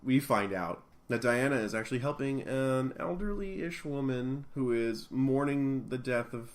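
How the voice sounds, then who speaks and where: A man casually recapping a comic book issue on a podcast. He talks in a conversational, animated way, jumping into quick impressions of the characters as he goes. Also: mid-range voice. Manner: animated retelling, acts out characters' lines. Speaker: podcast co-host.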